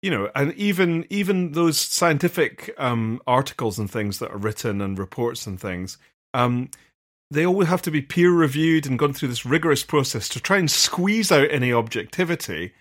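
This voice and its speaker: Man, earnest, explains at length, mid-pitched voice, lots of ums and restarts. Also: animated, moderate pace, fairly bright tone. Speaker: podcast co-host, vicar. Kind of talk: casual discussion.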